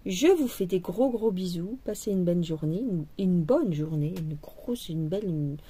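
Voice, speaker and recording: Woman, craft vlogger, mellow tone, playful chatty delivery. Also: lowish voice, expressive, a little slow, husky. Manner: chatty, playful, puts on a jokey accent. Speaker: cross-stitch vlogger. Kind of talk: casual chat while embroidering.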